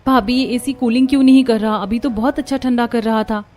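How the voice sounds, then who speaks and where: A woman's voice: on the high side, steady tone, a little fast, a little mellow, close to an everyday voice. A woman voicing a cheerful, chatty college-going young sister-in-law in a cartoon. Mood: puzzled.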